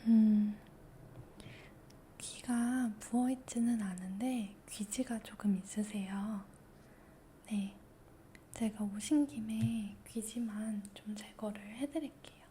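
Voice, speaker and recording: A woman whispering softly through an ASMR doctor checkup roleplay, gentle, reassuring and patient. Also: a little high, slow pace, long pauses, a little hiss or hum. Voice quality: soft whisper.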